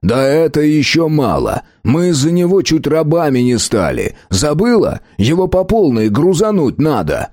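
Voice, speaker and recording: A man's voice: a little high, big pitch swings, normal speed, hardly any pauses, a little mellow, no echo, clean studio sound, pitched above the performer's own voice. A man voicing an indignant, blunt young male clan fighter in a storybook reading.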